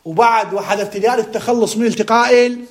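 A high-pitched man with an Iraqi Arabic accent gives a grammar lecture in class. He quizzes students with quick rhetorical questions and draws out key words to emphasize them.

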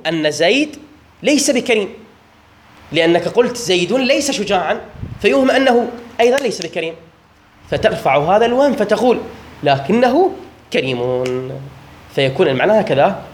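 A man with an Iraqi accent teaching Arabic grammar, explaining step by step, drawing out example words and often asking whether it is clear. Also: sits high, a little hiss or hum. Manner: explanatory, repeats and checks understanding often; drawn-out stresses on example words. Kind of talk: classroom grammar lesson.

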